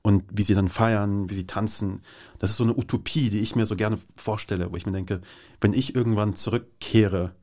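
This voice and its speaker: A man's voice: on the low side, fairly even intonation, fairly quick, darkish tone. A man from Afghanistan talking as a radio guest, enthusiastic and thoughtful in turn. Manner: enthusiastic, then thoughtful and reflective. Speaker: studio guest. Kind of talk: casual radio conversation.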